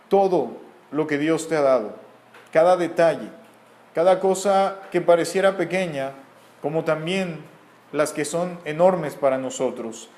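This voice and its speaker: A man's voice: on the high side, darkish tone, reverberant. A man from Mexico with a Mexican accent, giving an earnest, repetitive Bible teaching. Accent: Mexican Spanish.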